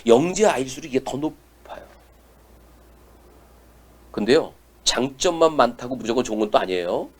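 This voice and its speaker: A man giving a lecture to parents, animated and often putting questions to the audience. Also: medium pitch, moderate pace, long pauses.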